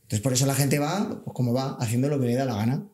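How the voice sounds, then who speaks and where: A man's voice: mid-range voice, fast talker, dark tone, echoey room. A man, a civil guard officer talking earnestly in a casual podcast, backing his points with everyday examples.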